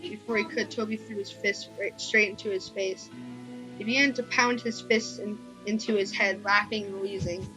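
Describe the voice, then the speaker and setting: Reading a horror story aloud at normal speed, a young woman speaks in a medium-pitched, steady voice, casually and with frequent stumbles and restarts. She's a creepypasta reader, heard through poor audio with music in the background.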